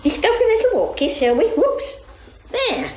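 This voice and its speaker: A tart long-suffering housewife. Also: female voice, extremely high pitch, huge pitch swings, moderate pace, roomy sound, music in the background, exaggerated voice. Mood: weary. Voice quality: dry, tart replies. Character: patient, long-suffering London housewife and mother.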